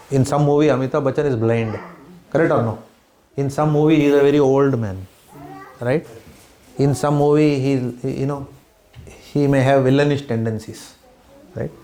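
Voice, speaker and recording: A man's voice: mid-range voice, dark tone, echoey room. A man from Bombay with an Indian accent, teaching a devotional home class and often asking the listeners "hmm?" and "right?". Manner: keeps checking in with "hmm?" and "right?", quizzes listeners with questions. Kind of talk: spiritual class talk mixing English and Hindi. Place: room in a home.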